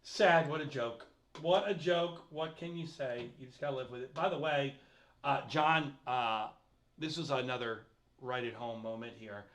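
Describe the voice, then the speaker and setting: A middle-aged man hosting a casual livestream chat, animated and reading viewer comments aloud. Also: medium pitch, moderate pace. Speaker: host.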